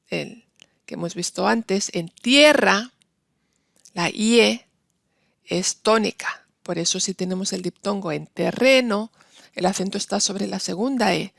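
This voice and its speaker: A woman giving a university lecture, her voice slightly gravelly. She explains step by step and slows down on each example word. The sound is dry and close, with no room echo. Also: medium pitch. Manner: explanatory, slow careful stress on example words. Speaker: Spanish linguistics instructor.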